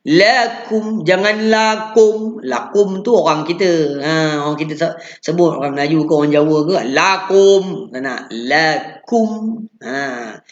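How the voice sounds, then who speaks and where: A man's voice: fairly high pitch, slow, reverberant, muffled recording. A man with a Malaysian Malay accent teaching Quran recitation in a live lesson, patiently explaining and then chanting each sound as an example.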